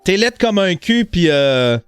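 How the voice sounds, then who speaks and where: A man's voice: sits high, big pitch swings, a little slow, soft background music. A man with a Québécois French accent hosting a podcast, making crude, mocking jokes and laughing as he reacts to clips. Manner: mocking, laughing, vulgar banter. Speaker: podcast host. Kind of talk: crude comic commentary on clips.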